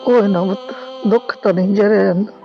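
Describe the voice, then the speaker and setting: An older woman playing a gentle, self-sacrificing old mother who speaks slowly and softly, soothing her son. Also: medium pitch, dull audio, music in the background, close to an everyday voice. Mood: soothing, resigned. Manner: slow, soft-spoken, soothing.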